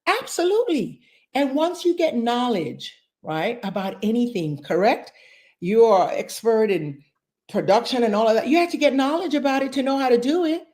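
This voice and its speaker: Emphatic woman in her sixties, higher voice. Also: animated, normal speed, a little mellow. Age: 60s. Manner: emphatic, repeats phrases for emphasis. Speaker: fitness and nutrition coach. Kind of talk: interview guest.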